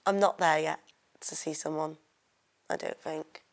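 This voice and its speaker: Quiet, creaky-voiced hesitant woman. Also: deep voice, steady tone, measured pace. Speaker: interviewee. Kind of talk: documentary interview, personal account.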